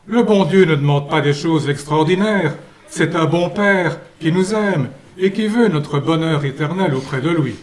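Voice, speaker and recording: A man voicing a gentle, fatherly male saint who speaks in a calm, pious, measured way in a puppet radio play. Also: on the high side, close to an everyday voice. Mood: benevolent.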